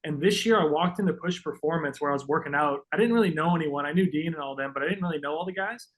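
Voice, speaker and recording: A man's voice: fairly high pitch, fast, a bit bright, poor audio. A man who is a podcast guest, emotional and sincere as he tells reflective stories in casual chat.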